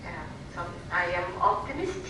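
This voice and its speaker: A woman's voice: fairly low pitch, sing-song. A woman from Venezuela, speaking earnestly as a panelist at a panel discussion and often restarting her sentences. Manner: earnest, halting with many restarts. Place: large hall at a public panel. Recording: distant echoey hall recording with noise.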